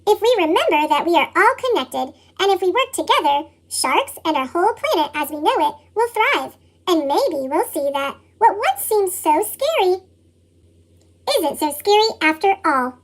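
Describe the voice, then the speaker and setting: A narrator with a squeaky chipmunk voice effect, like helium, reads a children's picture book from a script. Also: very animated, moderate pace. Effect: pitched-up chipmunk voice effect. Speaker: storybook reader.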